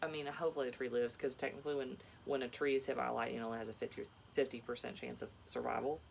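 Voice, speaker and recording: A woman's voice: very deep voice, level tone, racing, vocal fry, a little hiss or hum. A tired woman in her thirties, a teacher co-hosting a casual chat show, rambling chattily through her stories. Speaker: teacher and podcast co-host.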